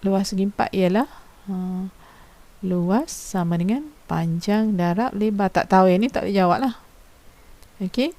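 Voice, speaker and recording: A woman's voice: mid-range voice, a little slow, long pauses, mellow. A woman teacher giving a recorded lesson, explaining patiently in an informal manner and asking her students questions. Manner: informal teacher's speech with frequent fillers.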